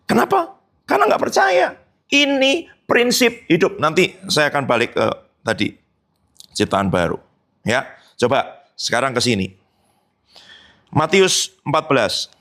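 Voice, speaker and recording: Male pastor, high lively voice, sermon with playful asides. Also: unhurried, long pauses. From Indonesia. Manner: animated preaching with sudden high emphatic jumps and rhetorical questions; casual joking asides.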